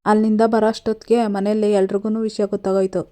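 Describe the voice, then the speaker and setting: Lady reading out a crying college girl, flat mellow voice. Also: mid-range voice, quick pace, close to an everyday voice. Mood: upset. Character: young college girl in love, tearful and desperate.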